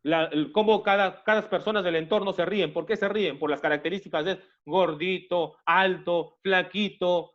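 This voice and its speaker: A man's voice: sits high, steady tone, normal speed, hardly any pauses, highs cut off. A man from Peru teaching an online class, repeating himself and often calling his students young people. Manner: repetitive, addresses class as "jóvenes", many restarts.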